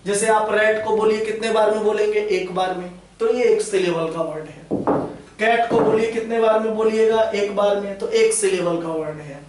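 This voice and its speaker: A man's voice: high voice, moderate pace, darkish tone, slight background noise. A man teaching English grammar in a lesson, repeating his points and often asking whether the students have understood. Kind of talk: classroom-style lesson explanation. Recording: very echoey room, voice far from mic.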